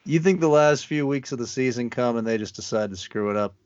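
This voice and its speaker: A man's voice: medium pitch, brisk, muffled recording. A man co-hosting a podcast, chatting casually about football, laid-back and laughing easily, with frequent restarts. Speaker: podcast co-host. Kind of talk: casual sports chat.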